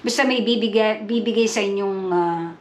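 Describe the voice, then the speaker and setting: A woman, explaining an English test in a casual vlog. She talks in an unhurried way, with many fillers, mixing English terms into Tagalog. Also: mid-range voice. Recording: echoey room with faint background noise.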